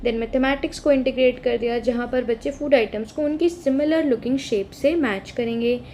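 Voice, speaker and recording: A woman's voice: high-pitched, brisk, a little mellow, a little hiss or hum. A woman with an Indian accent explaining a lesson plan step by step, switching between Hindi and English. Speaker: teacher trainer.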